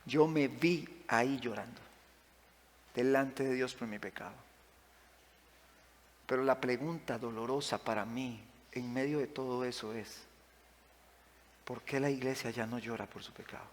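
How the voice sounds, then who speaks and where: A man preaching a sermon as pastor, passionate, rising to loud emphatic peaks and sinking to quiet pleading. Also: medium pitch, measured pace, pauses often. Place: church sanctuary. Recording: long church-hall reverb.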